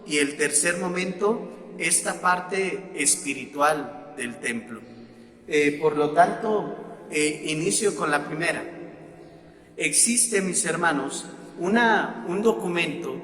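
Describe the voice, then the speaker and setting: A man with a Mexican Spanish accent, a parish priest giving a sermon-style talk to his congregation, pausing often on fillers and repeating words. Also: on the high side, lively intonation, reverberant, long reverb tail. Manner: slow and deliberate, with frequent fillers and repeated words.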